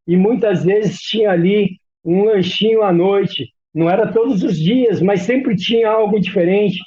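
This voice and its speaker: A man's voice: high voice, mellow, lo-fi sound. A man speaking as a missionary guest in an interview, giving an earnest, testimony-like account. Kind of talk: interview talk.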